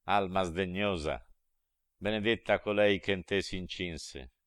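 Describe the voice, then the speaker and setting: A man reading as a wise old poet guiding a traveler, calm and fatherly in measured lines. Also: sits low, no echo, clean studio sound. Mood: reassuring. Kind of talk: dramatic poetry recitation.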